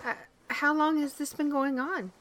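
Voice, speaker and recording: A woman's voice: sits high, steady tone, moderate pace, fairly bright tone, poor audio. A woman playing a chirpy school receptionist. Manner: chirpy and friendly.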